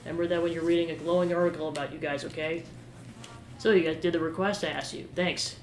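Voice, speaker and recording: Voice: mid-range voice, fairly even intonation, quick pace, a little hiss or hum, lightly acted. A game player voicing a self-pitying, eager teenage boy with a chatty, complaining manner. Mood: eager, sheepish. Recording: roomy echo with game music behind.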